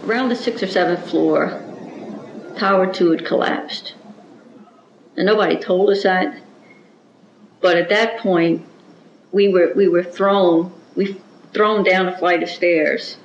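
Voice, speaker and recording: A woman giving an oral history interview, recounting events in a measured, reflective way with small restarts. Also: lowish voice, steady tone, a little hiss or hum. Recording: roomy, dull-sounding recording.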